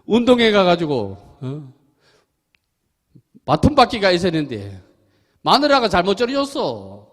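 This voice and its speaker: A middle-aged Buddhist monk with a Gyeongsang accent gives a chatty dharma talk. His voice sits high for a man and swings widely up and down. The talk echoes with a long reverb through a temple hall. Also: unhurried, long pauses. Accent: Gyeongsang Korean. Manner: lively, chatty, laughs often, asks listeners questions. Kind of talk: sermon with storytelling.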